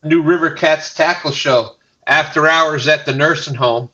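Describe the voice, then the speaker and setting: A man's voice: on the high side, measured pace, a crowd in the background. A man hosting a fishing show, joking and laughing as he chats with callers. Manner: jokey, laughing often, self-mocking. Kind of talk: casual chat. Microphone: camera and mic on a live stream. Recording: dull lo-fi stream audio.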